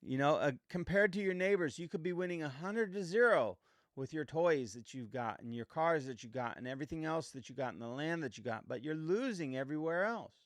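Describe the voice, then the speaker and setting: A man's voice: a little high, lively intonation, a little fast, no room sound. Earnest man in his fifties, dry sound. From United States. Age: 50s. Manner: earnest, repetitive, emphatic rhetorical questions. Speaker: podcast host. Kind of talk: reflective motivational monologue.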